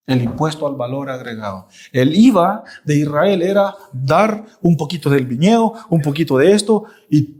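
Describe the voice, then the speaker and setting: A man teaching the Bible in a sermon style, emphatic and repetitive. He keeps checking in with the listeners, and his voice sits a little high for a man. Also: a little mellow.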